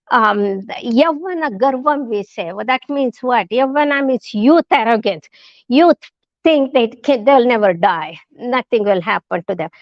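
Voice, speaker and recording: Halting, higher-voiced woman telling a story. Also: dry recording, muffled recording. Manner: halting, many restarts and fillers, acts out quoted lines. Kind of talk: storytelling lecture.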